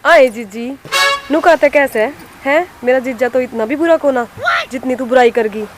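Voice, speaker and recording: A woman's voice: high-pitched, normal speed, over music. A woman with a Haryanvi accent acting in a comedy sketch, chatty and teasing. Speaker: comic actor.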